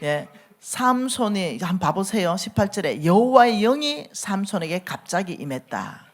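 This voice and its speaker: A woman's voice: medium pitch, very animated, moderate pace. A middle-aged woman, preaching a sermon as a church elder and acting out the quoted speech as she tells the story.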